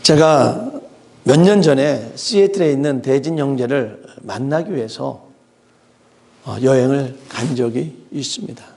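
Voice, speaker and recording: A middle-aged male pastor preaching a sermon, dramatic and full of rhetorical questions, swinging between loud emphasis and hushed asides. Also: medium pitch, a little slow. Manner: asks the congregation rhetorical questions.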